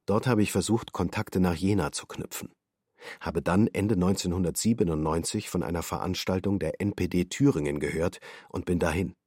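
A subdued male defendant in his thirties, voiced by a man in a documentary radio play. He gives testimony in short, terse sentences. His voice sits very low and sounds husky, and the recording is dry and close. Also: normal speed, darkish tone, no room sound. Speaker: voice actor. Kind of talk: documentary radio drama reading.

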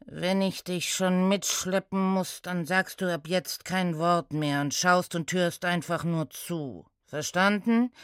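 A woman voicing a big, stern male centaur inspector who talks in a low, curt, gruff way. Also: slow, hardly any pauses, no echo, studio quality. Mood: gruff impatient.

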